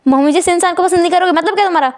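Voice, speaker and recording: A grumpy young man barks threats and scolds in a gruff tone, voiced by a woman. The voice stays high and the recording is dry. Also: rapid-fire, no room sound. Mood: scolding.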